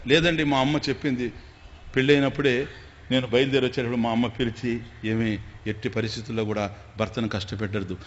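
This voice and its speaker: A man voicing an adult wife, high-pitched and shrill when she scolds, in an echoey hall. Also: steady tone, quick pace, lo-fi sound, a little hiss or hum, close to an everyday voice. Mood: soft remorseful.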